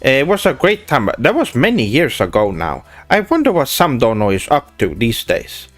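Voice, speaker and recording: A young Swedish man at medium pitch, his voice swooping wildly, reads chat questions on his stream at a moderate pace. He answers in a haughty weeaboo character, tossing in Japanese words and restarting hesitantly with frequent "uh"s. Faint music can be heard behind the casual chat.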